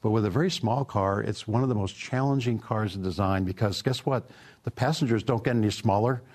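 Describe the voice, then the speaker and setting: Speaking fairly quickly with a voice on the low side, a middle-aged man answers an interviewer's questions. He's a product executive at a car company, and his replies are laid-back anecdotes padded with fillers.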